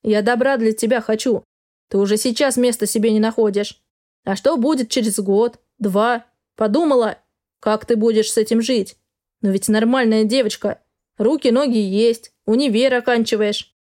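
A gruff but caring male doctor talks bluntly and plainly, as a woman reads him in an audiobook. The voice stays fairly high and close to the reader's own. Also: steady tone, normal speed, a little mellow, natural voice. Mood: persuading. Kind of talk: audiobook dialogue.

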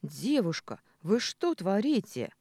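A woman's voice: a little high, lively intonation, takes it slowly, dark tone, no echo, clean studio sound, pitched above the performer's own voice. A woman voicing an indignant young daughter. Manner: indignant, suspicious.

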